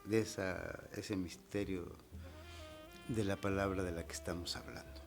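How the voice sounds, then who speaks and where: A middle-aged man hosts a poetry program in a slightly low voice. He talks very slowly and thoughtfully, often repeating words as he searches for the next phrase. A faint bed of instrumental music runs underneath. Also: fairly even intonation, creaky. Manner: hesitant, with many repeated words and fillers. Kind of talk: slow, reflective talk on poetry.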